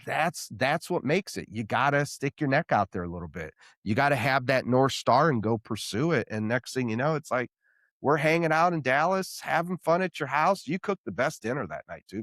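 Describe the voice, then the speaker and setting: Man, podcast host, animated storyteller, mid pitch, dry close sound. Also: fairly quick, dry recording. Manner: animated storyteller, acts out quoted voices. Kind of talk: casual interview chat.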